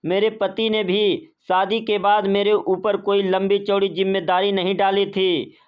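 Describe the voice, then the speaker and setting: A woman reading a first-person story as scripted narration in a slow, even, plain way. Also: medium pitch, dull audio.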